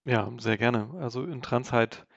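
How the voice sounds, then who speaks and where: A man's voice: mid-range voice, normal speed, vocal fry, darkish tone, no room sound, lo-fi sound. A man, a guest researcher, explaining his projects in a podcast interview, with many hesitations and fillers.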